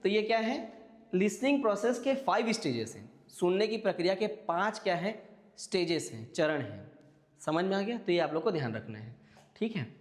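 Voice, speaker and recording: A man's voice: high voice, very animated, normal speed, big-room sound. A man teaching an exam-prep class, explaining step by step and checking in with his listeners. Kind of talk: classroom lecture.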